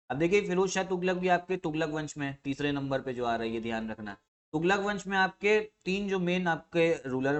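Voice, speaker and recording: A male teacher with a somewhat high voice leads an exam revision lecture. He fires off his own questions, then answers them, repeating each key term for emphasis. He mixes in English words and often pauses to clear his throat.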